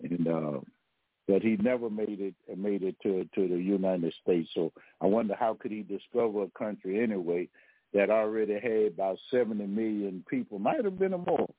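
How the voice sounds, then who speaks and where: A man hosting a history talk podcast, lecturing in a rambling, halting way with many fillers and restarts, heard over a phone line. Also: lowish voice, husky, no room sound. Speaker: podcast host. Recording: tinny phone line, dry.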